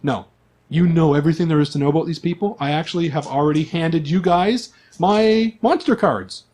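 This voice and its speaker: Speaking briskly in a fairly high, slightly mellow voice, a man serves as game master for a tabletop role-playing session. He explains and narrates the game casually, joking around in a conversational tone.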